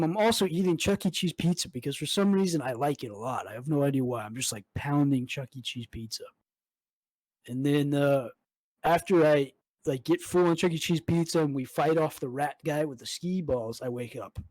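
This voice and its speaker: A young man in casual podcast chat, his voice sitting slightly high for a man. He rambles and swears freely, stringing his story together with "like" and "dude". The sound is close and dry, with no room around it. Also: normal speed, a little mellow, dry recording, rough recording. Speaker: podcast co-host. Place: home.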